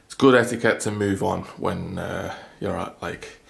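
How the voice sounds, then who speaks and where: On his handheld camera mic, a travel vlogger with a deep, gravelly voice speaks steadily at a moderate pace. His casual narration rambles and mocks himself as he goes from apartment to stairwell and out to his car in the icy car park.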